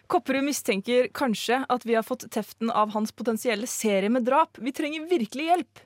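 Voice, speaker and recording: Theatrical amateur detective guy played by a woman, higher voice, earnest and dramatic, dry close sound, live radio comedy. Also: no room sound, natural voice. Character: theatrical male amateur sleuth.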